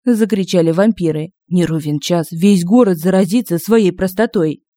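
A woman's voice: lowish voice, moderate pace, dark tone, dry recording. Woman narrating a comic fantasy audiobook. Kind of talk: scripted narration of humorous fantasy. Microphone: close home-studio mic.

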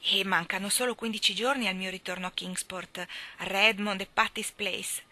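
A woman's voice: mid-range voice, steady tone, moderate pace, pushed and bright. A woman voicing a dreamy, imaginative young woman in an audiobook reading, earnest and wistful.

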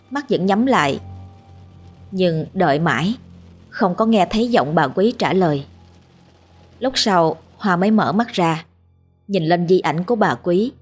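A woman with a husky, lowish voice reads a ghost story in a steady, dramatic way. Faint music runs quietly behind her narration.

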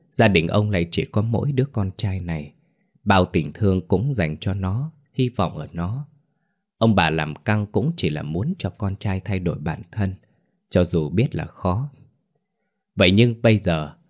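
A man narrating a ghost story in a slow, somber way. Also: sits low, darkish tone.

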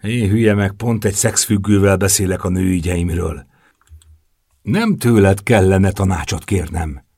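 Male narrator as a brooding lovesick young guy, curt, low husky tone. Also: a little mellow, dry recording, clean studio sound. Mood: irritable.

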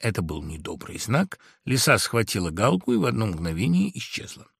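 A man narrating a fairy tale for an audiobook in an expressive storytelling manner. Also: fairly low pitch, moderate pace, creaky, breathy edge, dry recording, clean studio sound.

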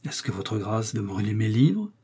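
A man's voice: lowish voice, big pitch swings, normal speed, dark tone, breathy edge. Man reading a blustering stubborn innkeeper. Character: stubborn old innkeeper in love with chivalry books. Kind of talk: audiobook reading.

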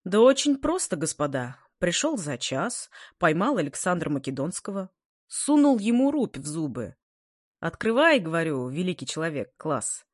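A woman reading a story, voicing a cheeky, boastful schoolboy prankster in a lively manner. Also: on the low side, normal speed, no room sound, clean studio sound.

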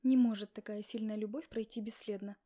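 A woman's voice: mid-range voice, steady tone, a little fast, dark tone, lightly acted. A woman voicing a middle-aged mother who talks strictly but sincerely to her daughter, in an audiobook. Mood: caring. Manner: strict yet sincere, reassuring.

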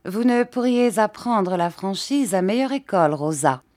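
A woman reading an audiobook, voicing a dignified older mother who speaks in a measured, gently reproachful way. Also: fairly low pitch, expressive, close to an everyday voice.

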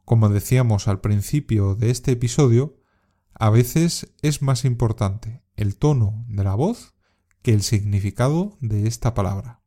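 Slow, mellow-voiced teacher man. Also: lowish voice. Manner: slow, careful, modelling intonation for repetition. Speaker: Spanish teacher. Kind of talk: scripted language lesson.

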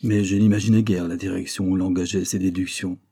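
A man narrating an audiobook in the first person, in a measured storytelling manner. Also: low-pitched, flat delivery, mellow, breathy edge.

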